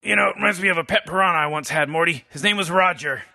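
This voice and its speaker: In a full character voice that's a little high, creaky, and bright, a man speaks very fast and forcefully as a cynical old mad scientist. His sardonic comedic commentary on game characters rambles with sarcasm, stammered restarts, and barked insults.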